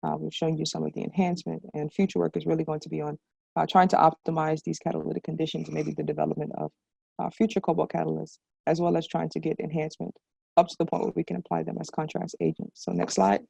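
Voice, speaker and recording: Very creaky, low-key young woman presenting. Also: fairly even intonation, quick pace, warm tone, no room sound, low-quality recording. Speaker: researcher presenting. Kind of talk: semi-formal scientific conference presentation. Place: indoors, on a video call.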